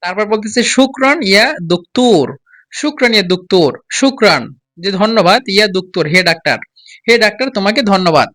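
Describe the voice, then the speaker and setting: A man teaching a spoken language lesson, repeating each phrase slowly and urging listeners to copy his pronunciation. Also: high-pitched, a bit bright. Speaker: Arabic teacher.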